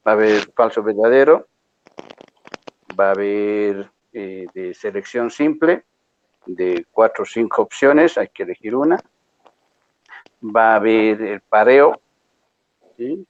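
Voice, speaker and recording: A man's voice: fairly low pitch, slow pace, pauses often, highs cut off. A male lecturer patiently explaining exam rules to a class, often checking that students follow. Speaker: university lecturer.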